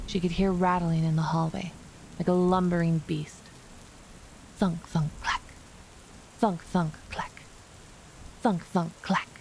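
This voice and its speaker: A woman reading a spooky first-person short story as scripted narration, in a measured, dramatic storytelling manner. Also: lowish voice, darkish tone, slight background noise, low-quality recording.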